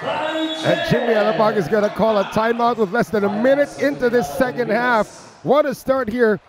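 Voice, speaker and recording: A man's voice: extremely high pitch, moderate pace. A man giving color commentary on a live basketball game, talking through the plays in longer, conversational sentences. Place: indoor arena. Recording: loud crowd noise behind. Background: arena crowd.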